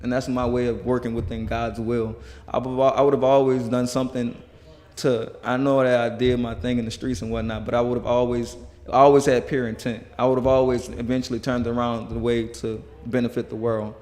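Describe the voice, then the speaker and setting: Male guest, earnest and rambling, flat voice, reverberant hall. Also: mid-range voice, fairly quick. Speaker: guest musician. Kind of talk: casual interview talk.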